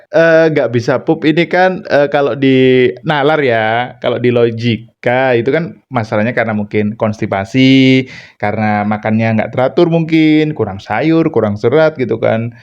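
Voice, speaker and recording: A man in a casual podcast chat who backs up his partner with short remarks and then rattles off his own take. His voice sits at a middle pitch. The recording sounds a bit muffled and lo-fi. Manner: chimes in with short agreeing remarks, then explains at quick pace. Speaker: podcast co-host. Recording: slightly muffled lo-fi audio.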